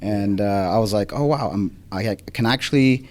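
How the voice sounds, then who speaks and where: A man's voice: fairly low pitch, normal speed, a little mellow. Rambling man chatting at a live podcast. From Philippines, grew up in Los Angeles. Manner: rambling, many ums and restarts. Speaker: guest photographer. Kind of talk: casual interview chat. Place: live podcast recording before a small audience.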